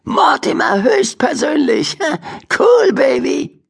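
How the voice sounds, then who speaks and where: A man's voice: very high voice, huge pitch swings, slow pace, creaky, fairly bright tone, slightly rough, voice pushed up, exaggerated voice. A man voicing a cheeky, clever male street rat in a children's audiobook, brash and cocky. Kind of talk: audiobook character voice.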